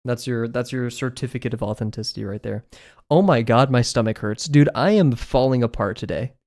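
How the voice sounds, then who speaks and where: In a brisk, slightly mellow mid-range voice, a young man chats while drawing on a live stream. He's rambling and self-deprecating, laughs a lot and sits in an apartment room treated with acoustic foam.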